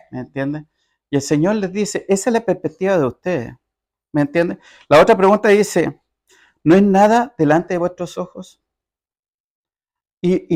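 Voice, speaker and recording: Brief: male pastor, high-pitched voice, informal sermon style, checks in with listeners, slow emphatic scripture reading. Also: darkish tone. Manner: keeps checking in with the congregation. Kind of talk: conversational sermon. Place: church.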